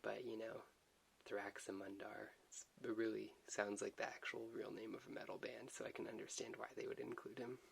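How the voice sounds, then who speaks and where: A soft-spoken man in an ASMR unboxing, his voice low and quite even in pitch. He talks gently and without hurry, with plenty of vocal fry. A faint hiss sits behind him. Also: moderate pace. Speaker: host of an unboxing video. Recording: hissy background noise.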